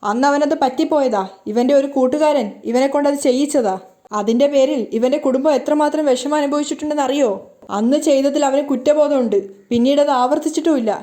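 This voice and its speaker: A woman's voice: high voice, quick pace, dark tone, lightly acted. A woman reading the lines of a young man defending his in-law, in her own plain voice. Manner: read out plainly in the reader's own voice.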